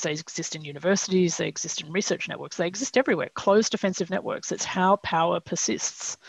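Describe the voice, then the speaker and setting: Woman, fifties, gravelly, husky, dry close sound, emphatic, headset. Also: on the low side, dry recording, rough recording. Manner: emphatic, rhetorical questions. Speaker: seminar presenter. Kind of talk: academic discussion on a video call. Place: home study, indoors. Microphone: headset on a video call.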